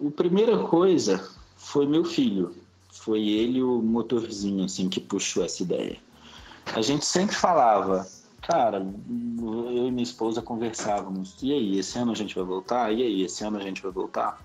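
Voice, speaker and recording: Speaking Brazilian Portuguese at normal speed, this middle-aged Brazilian guest on a podcast shares personal memories in a relaxed interview. His voice sits on the low side, darkish in tone with lively intonation, captured in slightly dull, lo-fi sound.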